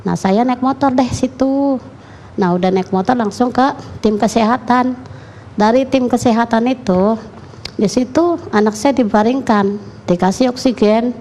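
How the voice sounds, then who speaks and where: A woman's voice: fairly high pitch, moderate pace, dark tone, a little hiss or hum. A woman, a mother recounting events in an interview in short, plain, run-on clauses. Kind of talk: emotional first-person account.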